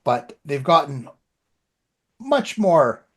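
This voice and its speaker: Speaking extremely slowly in a slightly high, sing-song voice with a breathy edge, this man co-hosts a podcast and is an author. His talk is casual, anecdotal, and colloquial, and he frequently acts out remembered conversations.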